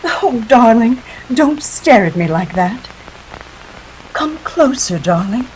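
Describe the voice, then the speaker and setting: A woman's voice: on the high side, lively intonation, slow pace, a little mellow, a little hiss or hum, rough recording. A woman playing a scheming, seductive femme fatale in a 1940s-style radio drama, with melodramatic pleading and world-weary guile.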